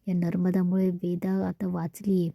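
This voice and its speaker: A woman's voice: fairly low pitch, completely flat delivery, moderate pace, gravelly, dark tone. A woman reading the lines of a scheming middle-aged woman villain from a TV serial. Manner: plain read-aloud delivery of lines.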